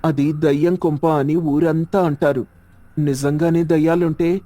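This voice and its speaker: A man's voice: on the high side, fairly even intonation, a little slow, mellow, no echo, lightly acted. A man voicing a nervous young village man who is afraid of ghosts. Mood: uneasy. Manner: fearful, shaky.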